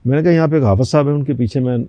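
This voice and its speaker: A man's voice: mid-range voice, dry recording. An older man from Pakistan, a talk show guest, telling a personal anecdote and acting out the people in it. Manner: animated anecdote telling with quoted voices.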